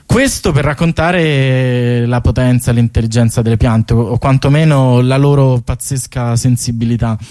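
A man with a mid-range, slightly mellow voice speaks in a dry recording with no room sound. He is an artist appearing as a guest in a radio studio to present a bike tour project, explaining it in a chatty, colloquial, animated way during a casual interview.

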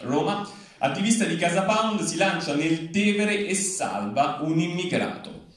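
This satirical newsreader has a high voice with lively intonation and reads a little slowly. Performing live in a big, echoing venue, he uses an emphatic anchorman style that drops into every punchline, and the hall sound is very reverberant, far off, and faintly noisy.

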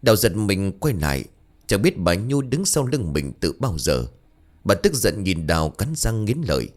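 A man narrating a scripted horror story in an expressive storyteller voice. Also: low voice, normal speed.

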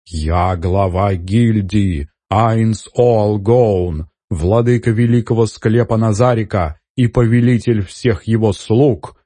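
An indignant skeleton overlord, put on by a man reading a story aloud, giving orders in a slow, emphatic way. The voice is deep and husky, with a dark tone. It sits in a dry, close recording. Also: no echo. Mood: proclaiming. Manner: outraged, commanding, slow and emphatic.

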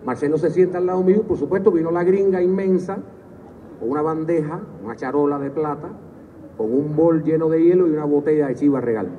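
A man's voice: a little high, brisk, phone-quality sound. Cuban male performer, comic stage storytelling, captured far off in a big reverberant hall with faint hiss. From Cuba. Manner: anecdotal, chuckles at his own punchlines. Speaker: singer telling stories on stage. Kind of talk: humorous live storytelling between songs. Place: concert stage at a festival. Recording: distant, hall-echoed, phone-thin live recording.

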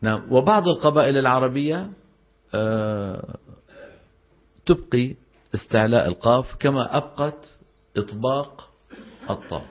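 A man's voice: medium pitch, animated, normal speed, long pauses, highs cut off. A man teaching Quran recitation rules, explaining letter articulation and quizzing his students with rhetorical questions. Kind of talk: tajweed lesson with recited examples.

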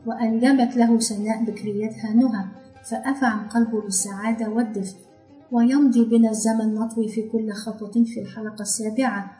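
Woman audiobook narrator, measured literary reading; soft music behind, echoey room. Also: on the high side, fairly even intonation. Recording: roomy echo, faint background music.

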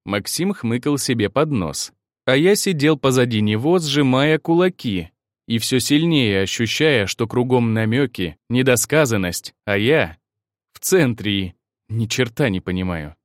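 A man reads first-person fiction aloud as an audiobook narrator, with a lively, rising and falling delivery. His voice sits mid-pitched. The sound is dry and close, with no room around it. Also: unhurried, dry recording. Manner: expressive first-person reading.

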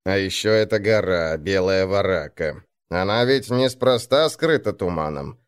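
A man's voice: sits low, animated, unhurried, smooth, pitched below the performer's own voice. A man voicing a grumpy, sarcastic old male Viking warrior in an audiobook. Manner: cranky, sneering.

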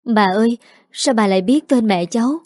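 Woman doing a gentle polite young woman, mellow voice, dry close sound, storybook. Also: a little high, moderate pace, no room sound, lightly acted.

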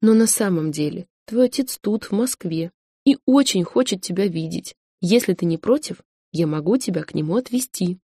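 A woman voicing a scheming woman who speaks gently and coaxingly, in an audiobook reading. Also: on the low side, expressive, moderate pace, husky, no room sound, studio quality. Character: scheming woman, sweet and persuasive.

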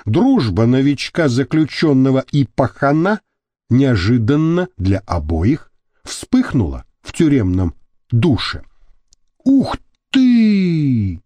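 Lively man reading an audiobook. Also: mid-range voice, measured pace, dry recording. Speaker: audiobook reader. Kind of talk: scripted narration.

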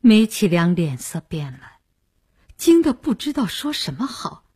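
A woman narrating a radio story as a storyteller, with a breathy, husky voice and an expressive, animated reading. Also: mid-range voice, measured pace.

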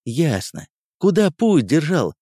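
A man voicing a calm, shrewd male army lieutenant who speaks softly and persuasively. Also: fairly high pitch, slow pace, breathy edge, no room sound, studio quality, voice pushed up, exaggerated voice. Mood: coaxing.

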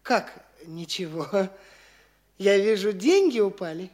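Taking it slowly in a mid-range voice, a woman plays a radio-play role: a flighty, boastful young man posing as an official who condescends to the locals. Her delivery is swaggering, lively and condescending, and the sound is reverberant.

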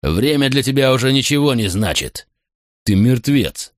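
A man's voice: medium pitch, expressive, moderate pace, no room sound, clean studio sound, pitched above the performer's own voice, close to an everyday voice. A man voicing a stern, angry Roman centurion who speaks in blunt, harsh commands. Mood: furious.

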